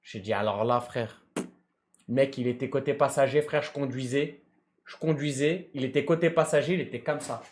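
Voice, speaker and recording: A man telling a comic anecdote in casual slang, acting out people and shouting at times. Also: mid-range voice, normal speed. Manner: animated, slangy, mimics and shouts mid-story. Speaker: storyteller recounting a tow job.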